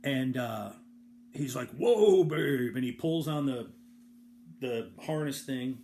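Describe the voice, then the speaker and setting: A man spinning a rambling, profane yarn about himself, playing up his own misery for laughs. His voice sits at an ordinary middle pitch, and a faint hum runs under the recording. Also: slow pace, a little mellow. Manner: rambling, profane, self-deprecating with comic exaggeration; frequent restarts and filler words. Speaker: storyteller host. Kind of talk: casual personal storytelling.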